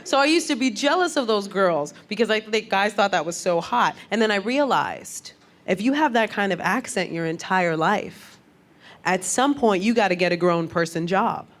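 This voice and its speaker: A woman's voice: medium pitch, animated, moderate pace. A woman comedian performing stand-up on a club stage with a handheld mic, telling stories animatedly and laughing at her own jokes. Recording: noisy club with crowd laughter. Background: audience laughter.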